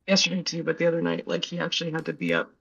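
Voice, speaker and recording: A woman's voice: low voice, very animated, very fast, gravelly, a bit bright, husky, highs cut off. A young woman hosting a casual stream chat, rambling with lots of fillers and frequent laughs.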